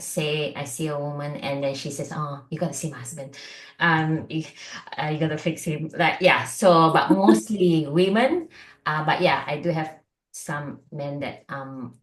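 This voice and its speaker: A woman's voice: low voice, echoey room. A middle-aged woman from Malaysia, a doctor chatting casually as a guest, with many fillers. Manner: chatty, lots of fillers and likes. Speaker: functional medicine doctor, guest. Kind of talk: casual interview chat.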